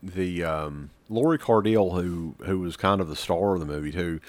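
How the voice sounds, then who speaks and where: A man's voice: low-pitched, moderate pace, a little mellow, no echo. A man co-hosting a podcast, chatting casually about horror films in a rambling way, full of fillers and swearing. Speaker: podcast co-host.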